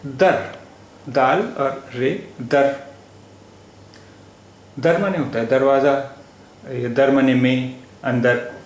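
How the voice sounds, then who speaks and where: Slow, deliberate male language teacher. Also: mid-range voice. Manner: spells letters out and repeats words slowly. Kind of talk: slow, deliberate spelling-out lesson. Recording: echoey room with faint noise.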